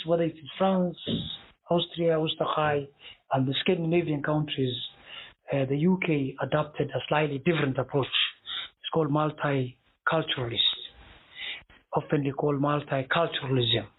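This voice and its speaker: Born in Somalia and raised in Denmark, this man is an interview guest who works as a consultant and is a PhD student. He explains things conversationally in a fairly high, husky voice with fairly even intonation, speaking a little slowly. The recording sounds muffled and narrow.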